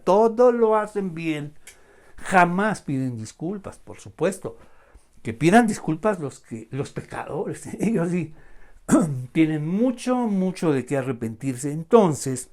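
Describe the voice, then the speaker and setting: A preacher delivering an online sermon, swinging between loud exclamations and near-whispers and asking the listener rhetorical questions. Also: mid-range voice.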